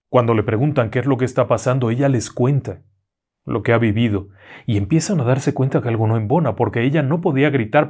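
A man narrating a horror story in a slow, dramatic way. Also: medium pitch, a little mellow.

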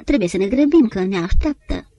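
A woman narrator voicing a sad young woman who speaks softly and urges him along. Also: medium pitch, lively intonation, dry recording, muffled recording, close to an everyday voice. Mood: wistful. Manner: soft, pleading.

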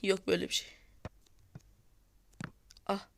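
Female gamer, slightly hoarse, casual match commentary, scolds and cheers her players. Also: slow, a little hiss or hum. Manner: excitable, scolds and urges on the players. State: voice sounds off, hoarse. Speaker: mobile football gamer. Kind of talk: casual live gameplay commentary.

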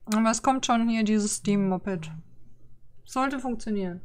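A woman's voice: mid-range voice, unhurried, darkish tone. A woman streaming a game live, chatting casually, reading menus aloud and grumbling sarcastically at the login screens. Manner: reads on-screen text aloud. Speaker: livestreamer. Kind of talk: casual livestream chat.

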